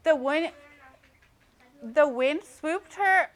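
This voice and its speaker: A woman teacher reads a storybook aloud to children with lots of expression, stopping now and then to check in with simple questions. Her voice sits high.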